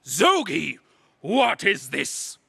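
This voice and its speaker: An actor playing a merciless, pompous space emperor in a theatrical, imperious 1930s radio serial style. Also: male voice, high voice, huge pitch swings, gravelly, pushed and bright, slightly rough, dry recording, studio quality, exaggerated voice. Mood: imperious scheming. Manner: theatrical, imperious, slow and deliberate.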